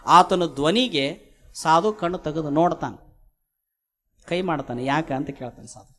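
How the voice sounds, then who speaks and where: A male preacher with a North Karnataka Kannada accent tells a moral story in a sermon. His voice sits high for a man, and he swings between loud and soft as he tells it. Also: expressive, moderate pace. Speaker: religious preacher.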